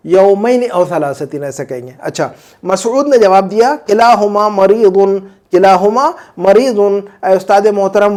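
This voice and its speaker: A man teaching an Arabic grammar lesson, repeating word forms slowly and checking in with listeners as he explains. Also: high-pitched, a little mellow. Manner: frequent "hai na" checks with listeners.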